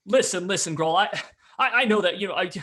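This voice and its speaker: A man's voice: high voice, brisk, pushed and bright, pitched above the performer's own voice. A man voicing Baldur, a very drunk, blustering friend who slurs his words. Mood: pleading drunkenly. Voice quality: slurred, blustering. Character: drunk blustering old friend, staggering and slurring.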